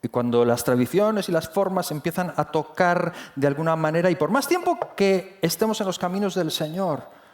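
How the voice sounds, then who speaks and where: A man's voice: fairly high pitch, expressive, normal speed. A man preaching a sermon in a church, talking conversationally and often restarting his phrases. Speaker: pastor. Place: church hall.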